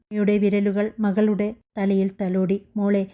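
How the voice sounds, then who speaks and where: Calm woman narrating a story. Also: mid-range voice, normal speed. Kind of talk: scripted narration.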